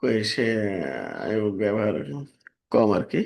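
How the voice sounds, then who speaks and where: A man's voice: fairly low pitch, takes it slowly, vocal fry, a little mellow. A man teaching English vocabulary, steadily reading verb forms and their meanings. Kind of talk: vocabulary lesson, reading word lists with translations.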